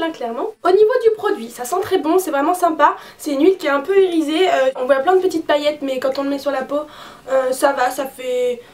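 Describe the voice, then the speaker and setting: A woman's voice: high-pitched, far from the mic. A young woman reviewing beauty products in a casual, frank way, with many fillers and restarts. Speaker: beauty vlogger.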